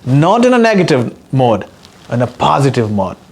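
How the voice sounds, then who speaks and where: A man's voice: medium pitch, big pitch swings, moderate pace, gravelly, darkish tone, breathy edge. A man from Pakistan with a Pakistani accent, giving an earnest, emotional personal testimony as an activist guest speaker. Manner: earnest, impassioned, repetitive emphasis.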